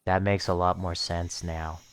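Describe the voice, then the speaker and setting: A man's voice: sits low, level tone, measured pace, slight background noise. A young man casually commenting on his gameplay in a goofy, rambling way, often muttering to himself. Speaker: let's play streamer.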